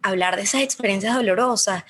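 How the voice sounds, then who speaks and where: A woman's voice: medium pitch, quick pace, a bit bright, slight background noise. A woman, a guest in a conversational interview, telling her story expressively and acting out the voices she quotes.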